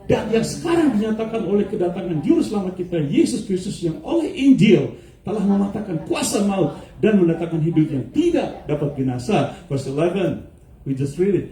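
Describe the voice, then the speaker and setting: A male pastor preaching a lively sermon, switching between Indonesian and English and putting questions to the congregation. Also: high voice, moderate pace. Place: church hall. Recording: echoey church hall, mic at a distance.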